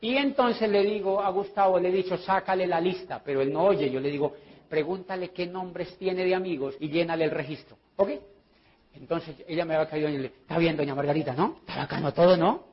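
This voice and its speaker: A man's voice: on the high side, a little fast, slightly rough, dull audio. A man with a Colombian accent giving a sales training talk, telling stories and acting out his conversations. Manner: lively storyteller acting out his dialogues.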